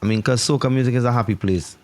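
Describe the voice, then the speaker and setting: With faint music playing behind him, a Vincentian man appearing as a talk show guest gives his views emphatically in a casual, animated chat. He speaks very fast in a mid-range, slightly mellow voice and keeps repeating phrases to press his point. He comes from St Vincent in the Caribbean.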